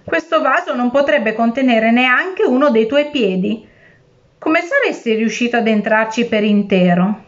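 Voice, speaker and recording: A poor, clever fisherman in a spoken fairy tale, as a woman reader takes him on, pleading and shrewd by turns. His lines come slow and somewhat high, with a dull, lo-fi sound. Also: lively intonation. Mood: desperate, cunning. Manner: pleading, then shrewd and defiant.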